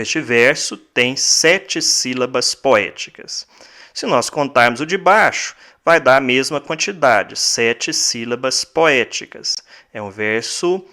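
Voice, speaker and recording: A man with a Brazilian Portuguese accent talks through a recorded lesson at an unhurried, deliberate pace. His voice is bright and forward. He is methodical, repeating each point and counting items aloud one by one. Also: medium pitch. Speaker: teacher.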